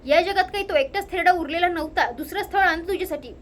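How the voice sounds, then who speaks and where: Young man, scheming, stubborn, woman narrator quoting, very high pitch. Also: fast talker, a little hiss or hum. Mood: dismissive. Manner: retold quote in narrator's own voice.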